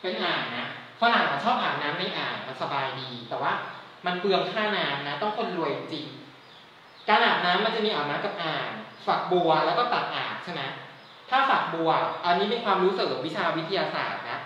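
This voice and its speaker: A woman from Thailand teaching an English lesson, patiently explaining words and slowly spelling them out. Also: fairly low pitch, expressive, sharp tone, muffled recording, slight background noise. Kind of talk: classroom lesson. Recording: echoey room, mic at a distance.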